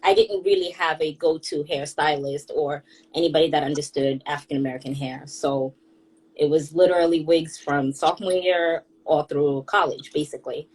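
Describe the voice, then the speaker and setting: Young woman from Kenya, guest on a call; husky, lowish voice, chatty and quick to laugh. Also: steady tone, darkish tone, rough recording. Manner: chatty, laughs often while telling stories. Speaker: guest, hairstylist and blogger. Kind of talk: casual conversation on a group audio call.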